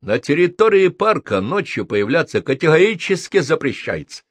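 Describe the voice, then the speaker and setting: A man reading a story aloud and voicing an officious, condescending police sergeant in a flat, bureaucratic tone. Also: a little high, normal speed, breathy edge, dry recording, voice pushed up.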